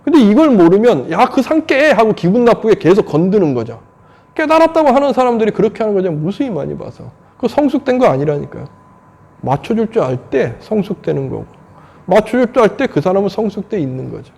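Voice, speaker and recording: A man's voice: sits high, big pitch swings, fast talker, gravelly, a little mellow. A man in his fifties, a Buddhist monk, giving an earnest, conversational dharma talk full of rhetorical questions. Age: 50s.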